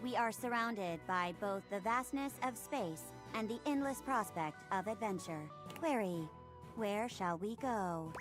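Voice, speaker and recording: A woman's voice: medium pitch, animated, a little slow, over music, natural voice. A woman voicing a dutiful robot ship assistant, with stiff, formal robot speech and spoken beeps.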